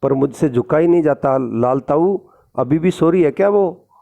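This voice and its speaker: A man's voice: on the high side, normal speed, vocal fry, phone-quality sound, voice pushed up. A man voicing a stiff, upright, worried lamp post in a storybook play.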